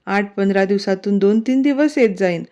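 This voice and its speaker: A woman voicing a protective, playful young husband in a storybook romance, reassuring and teasing in a mellow voice. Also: medium pitch, normal speed, natural voice. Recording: dull, lo-fi recording.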